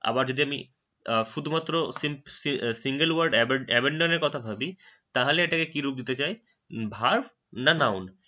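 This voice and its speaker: A man's voice: mid-range voice, sharp tone, highs cut off. A man whose first language is Bengali, teaching English vocabulary in a screen-recorded tutorial and patiently explaining each word. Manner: explains patiently, repeats words slowly after a dictionary audio.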